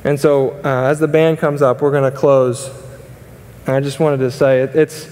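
Using a stage mic and filmed with a wide camera, a young man delivers a sermon in a church hall whose long reverb surrounds him. He speaks at normal speed in a medium, level, darkish voice, earnest and chatty, often stumbling into fillers and restarts.

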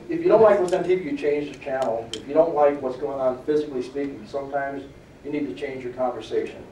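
A middle-aged man delivers a lively motivational fitness talk to an audience and keeps asking if they are still with him. His voice is fairly high for a man. It is picked up from across an echoey room. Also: a little hiss or hum. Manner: energetic, checks in with the audience often. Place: seminar room before a live audience. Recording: echoey room, distant mic.

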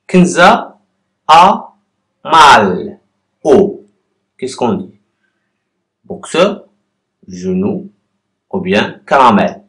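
A man teaching a class, guiding learners through written exercises with deliberate pauses and spelled-out syllables. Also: fairly low pitch. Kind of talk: slow, patient classroom exercise walkthrough.

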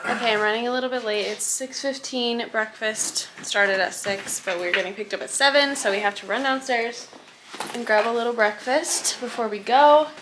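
Filming in a small room, first a hotel room and then a tiny ship cabin, this young cruise ship dancer in her twenties chats upbeat to the camera, held at arm's length or on a tripod. She sounds a touch tired, her voice fairly high, with quick asides, laughs and a noisy background.

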